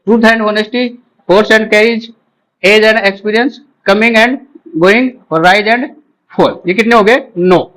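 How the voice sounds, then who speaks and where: High-voiced man teaching grammar. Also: a bit bright, poor audio. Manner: repeats key terms, asks the class quick check questions; Hindi explanation mixed with English terms. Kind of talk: exam-prep grammar lecture.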